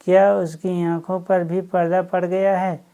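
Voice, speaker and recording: A woman's voice: fairly low pitch, flat delivery, measured pace, warm tone. A woman voicing a hurt, brooding young village man musing to himself in a storybook reading.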